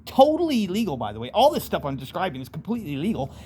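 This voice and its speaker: Racing along with huge swings in pitch, this man's high, mellow voice carries a breathy edge. A middle-aged American host, he spins casual first-person tales, rambling and candid with plenty of street slang.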